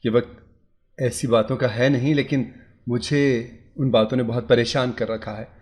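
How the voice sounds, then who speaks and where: Brief: anxious young husband, soft and coaxing, mid-pitched storybook voice, by the narrator. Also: male voice, fairly even intonation, moderate pace, close to an everyday voice. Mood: earnest. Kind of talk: storybook character voice.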